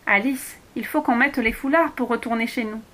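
A woman's voice: fairly high pitch, moderate pace, pushed and bright, voice pushed up. A woman voicing a timid, fretful young schoolgirl who stammers, in a read-aloud storybook.

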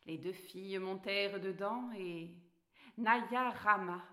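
A woman narrating a fairy tale aloud, taking her time over every phrase. Her voice is bright and clear, and the pace is unhurried and careful. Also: medium pitch. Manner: slow, careful read-aloud delivery. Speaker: storyteller.

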